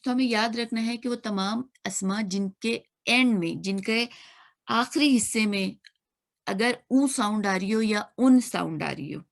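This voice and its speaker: A woman's voice: mid-range voice, unhurried. A woman teaching an online grammar class, patiently repeating and spelling out sounds. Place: online video class room.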